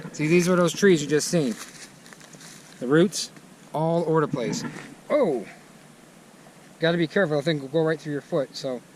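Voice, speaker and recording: Chatty man narrating outdoors over engine noise. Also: low-quality recording. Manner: excited, chatty, narrating while walking. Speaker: vlogger. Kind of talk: casual outdoor vlog commentary. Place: outdoors on a wooded lot. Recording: outdoor noise and vehicle rumble. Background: bulldozer engine.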